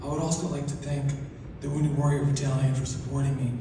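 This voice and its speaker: A soft-spoken man giving an acceptance speech, his articulation slurred as if one side of his mouth is numb. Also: mid-range voice, little pitch movement, fast talker. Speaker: award recipient. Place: large hall through PA. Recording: echoey hall, distant, noisy ambience.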